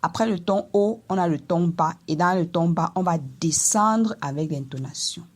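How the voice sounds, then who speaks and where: A woman teaching a language lesson, explaining slowly and carefully and voicing vowel examples for each tone. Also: fairly low pitch. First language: Eton.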